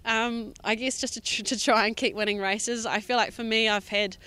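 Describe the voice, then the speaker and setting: A young junior harness driver from Southland, New Zealand, in her twenties, gives upbeat, modest interview answers full of ums. Her slightly high voice is pushed, bright and smooth, with fairly even intonation and a moderate pace.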